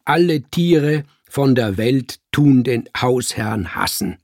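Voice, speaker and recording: A man voicing a vengeful alley cat who taunts and threatens its old tormentor in slow, hard words. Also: mid-range voice, expressive, vocal fry, darkish tone, no echo, clean studio sound, heavily acted. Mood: mocking.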